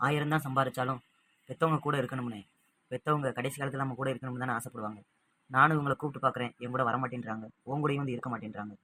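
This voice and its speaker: A man's voice: mid-range voice, fairly even intonation, rapid-fire, sharp tone, a little hiss or hum, close to an everyday voice. A man voicing a younger son who works far from home, speaking in a reassuring, regretful way.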